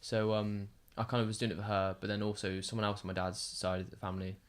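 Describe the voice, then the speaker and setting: Young man, low voice, rambling with fillers, casual podcast chat. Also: level tone. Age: young adult. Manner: rambling, halting with many fillers.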